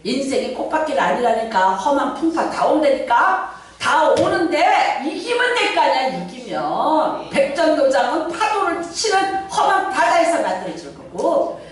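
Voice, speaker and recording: A middle-aged woman pastor, preaching a fervent, dramatic sermon that swings from shouts to hushed asides. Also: high-pitched, sing-song, normal speed, slight background noise. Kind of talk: Pentecostal sermon. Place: large church sanctuary. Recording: very echoey church hall, from far off.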